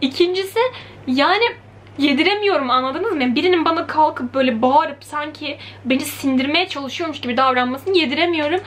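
High-voiced chatty young woman vlogger. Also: brisk. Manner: animated, chatty, acts out quotes. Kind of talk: casual storytelling vlog. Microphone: camera mic.

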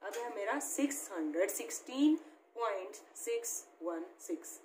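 A woman's voice: mid-range voice, animated, a little slow, darkish tone. A woman teacher explaining math step by step, often checking in with her pupils. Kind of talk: classroom-style math lesson. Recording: echoey room with faint background noise.

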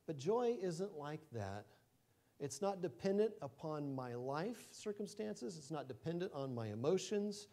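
A middle-aged man preaching a sermon in a conversational way, his loudness rising and falling often. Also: fairly high pitch. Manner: conversational preaching with wide swings in loudness, light chuckles.

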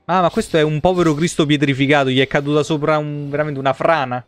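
A fast-talking Italian game streamer with a fairly high, steady voice narrates his play live, casual and full of slang. He's in an indoor streaming room, and the sound has no echo.

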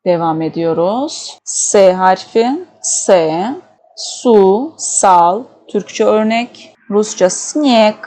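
A young woman teaching the alphabet, patient and clear, saying each example word twice. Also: fairly low pitch, darkish tone. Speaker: language teacher. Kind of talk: slow, clear alphabet lesson.

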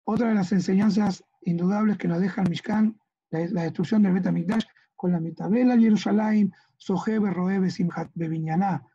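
Speaking at normal speed with fairly even intonation, a man with an Argentine accent delivers an earnest, slide-based religious lesson as a rabbi and regularly seeks his listeners' agreement. His high-pitched voice is warm and husky, and the sound is lo-fi.

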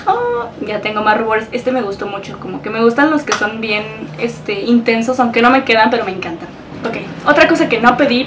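A woman's voice: on the high side, recorded from a distance, background noise. A young woman with a Mexican accent, gushing and emotional as she unboxes a package for her vlog. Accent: Mexican Spanish. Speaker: beauty vlogger.

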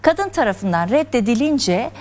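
A woman's voice: on the high side, sing-song, measured pace, a little mellow. A woman explaining psychology terms step by step as a guest on a television talk show. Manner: earnest, lecturing, explains step by step. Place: television studio.

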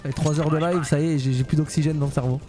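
A man's voice: fairly high pitch, steady tone, fast, over music. A young man commenting on his own gameplay in a joking way, giving callouts to teammates. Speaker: gaming streamer.

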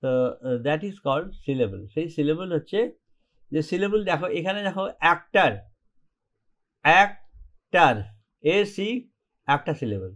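A man's voice: on the high side, lively intonation, normal speed. A man teaching an English grammar lesson in Bengali, explaining step by step and often checking whether the students follow. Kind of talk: online classroom lesson.

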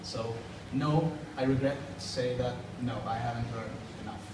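A medium-pitched man in his thirties, a native Swede from Sweden, speaks at normal speed with fairly even intonation while answering interview questions. He sits on a plastic chair in a school corridor, thoughtful and hesitant with fillers and restarts. The far camera makes the hallway sound echoey and noisy.

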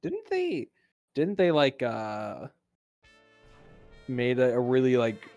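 A man's voice: medium pitch, wildly swooping pitch, slow, vocal fry, a little mellow, no room sound, highs cut off, faint music behind. A man in his twenties co-commentating a fighting game stream, chatting casually with a joking, playful manner. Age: 20s.

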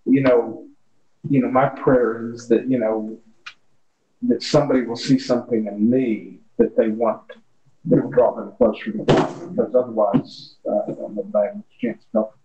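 A man relaxed in telling a parable during a church Bible study discussion in a meeting room. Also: mid-range voice, moderate pace, reverberant, lo-fi sound, slight background noise. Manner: relaxed storytelling with quoted dialogue. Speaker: class member.

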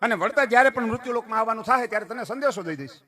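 A calm, kindly wandering sage with a high voice and a lilt, as a storyteller man puts him on. He speaks gently and formally, in the slow manner of a spoken folk tale. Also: full character voice.

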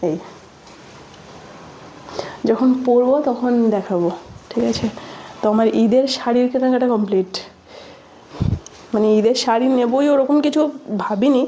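A woman's voice: a little high, a little slow, pauses often, mellow, slight background noise. Chatty young woman with a lilt. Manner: chatty and informal, often trailing off to recheck her words. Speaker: vlogger. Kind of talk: casual vlog chat.

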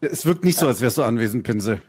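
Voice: medium pitch, lively intonation, racing. A roleplayer making teasing, dry remarks in character. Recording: loud noisy mic.

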